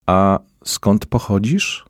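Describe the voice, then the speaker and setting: A man voicing a kind priest who gently and patiently questions a poor boy in a read-aloud story. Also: on the low side, expressive, slow, dry recording, studio quality. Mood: gentle.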